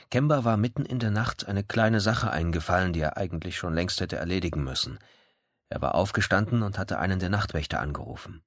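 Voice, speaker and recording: A man reading a crime story aloud in measured, even audiobook narration. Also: low voice, no room sound, clean studio sound.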